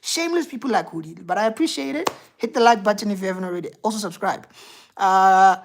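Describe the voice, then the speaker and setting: A woman's voice: medium pitch, quick pace. A woman hosting a football live stream, ranting heatedly and profanely about her team and replying to viewer chat. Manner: reads out viewer chat and replies. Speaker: football livestream host.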